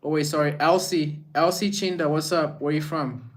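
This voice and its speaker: A man's voice: a little high, steady tone, normal speed. A man from Rwanda, hosting a casual livestream and chatting while he greets viewers by name and reads their comments. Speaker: livestream host.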